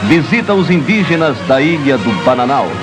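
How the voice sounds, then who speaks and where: A Brazilian man announcing an old newsreel, his fairly high voice pitched in a formal, declamatory delivery. He sounds set back from the microphone in distant archival sound. A loud music score plays under him throughout. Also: expressive, a little fast. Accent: Brazilian Portuguese. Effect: old newsreel narration.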